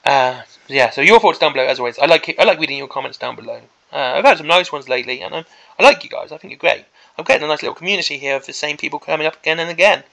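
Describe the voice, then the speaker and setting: A male hobby host talks off the cuff in a somewhat high, sharp-edged voice that is beginning to give out. He rambles emphatically, circling back to repeat his points as he delivers an opinionated rant. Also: rapid-fire, gravelly, poor audio. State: voice starting to give out.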